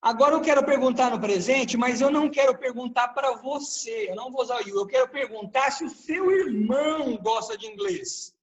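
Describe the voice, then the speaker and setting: A man's voice: extremely high pitch, normal speed, hardly any pauses, muffled recording. A man teaching English grammar in a live online class, patiently explaining and quizzing his students with questions.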